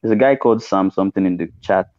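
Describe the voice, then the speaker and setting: Low mellow-voiced man arguing on a call. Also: fast, no echo. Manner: insistent, defensive. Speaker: guest panelist. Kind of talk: casual online group chat. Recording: dull call audio.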